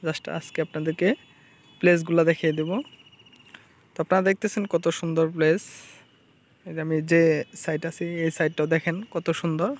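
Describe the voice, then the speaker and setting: A man's voice: on the high side, level tone, fairly quick, long pauses. A man from Bangladesh filming a casual fishing vlog outdoors by a river on a handheld phone, plainly pointing out spots to viewers and repeating himself. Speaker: fishing channel vlogger.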